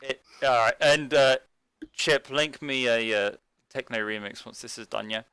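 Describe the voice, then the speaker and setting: A man's voice: medium pitch, moderate pace, pushed and bright, smooth. A man co-hosting and editing a casual podcast, teasing and laughing often. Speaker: podcast co-host and editor.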